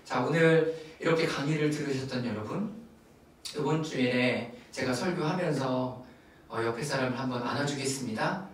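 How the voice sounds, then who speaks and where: A man's voice: mid-range voice, moderate pace. A male pastor teaching at a Friday prayer meeting, telling a story with acted asides and coaching his congregation. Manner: animated teaching with acted asides and audience prompts. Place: church sanctuary. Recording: echoey church hall, mic at a distance.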